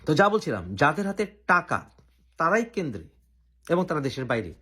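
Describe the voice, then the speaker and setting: With a very animated delivery, a Bangladeshi man hosting his own channel lays out opinionated political commentary point by point, pausing deliberately. His voice is a little high, a bit bright and slightly rough.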